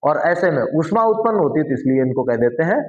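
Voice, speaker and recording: A man's voice: fairly high pitch, very animated, fast, darkish tone, echoey room, dull audio. A man teaching a classroom lesson, explaining step by step and often putting questions to his students. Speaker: Hindi teacher.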